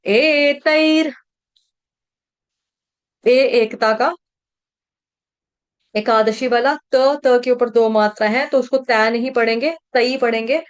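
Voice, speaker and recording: A woman teaching Sanskrit verse pronunciation, stretching syllables slowly when she chants them and explaining quickly in between. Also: fairly high pitch, steady tone. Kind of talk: slow chanting and pronunciation lesson.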